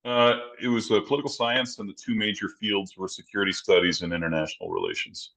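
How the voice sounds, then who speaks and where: A man's voice: fairly low pitch, fairly even intonation, quick pace, a bit bright. A man, a guest on an interview, answering briefly and matter-of-factly. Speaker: guest, writer and publisher. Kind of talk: casual interview chat.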